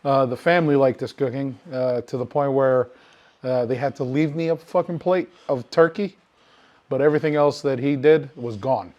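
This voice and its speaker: A man's voice: mid-range voice, moderate pace, muffled recording. A man co-hosting a podcast, rambling through stories in casual chat, cursing often. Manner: swears a lot, rambling and loose; animated when telling stories. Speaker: podcast co-host.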